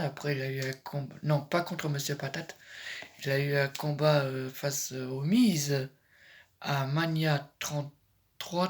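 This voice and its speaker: A man with a French accent giving casual commentary in a vlog, hesitant and often correcting himself mid-sentence. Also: mid-range voice. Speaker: YouTuber giving predictions.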